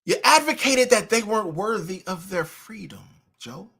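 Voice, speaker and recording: A man hosting a livestream commentary, mocking and preachy, with loud swings in volume. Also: high-pitched, expressive, moderate pace, husky. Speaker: commentary host.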